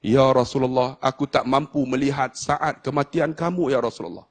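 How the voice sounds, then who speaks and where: A man voicing a sorrowful archangel in a sermon, speaking slowly and mournfully. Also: medium pitch, voice pushed down, natural voice. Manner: slow, mournful. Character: sorrowful male archangel, grave and tender.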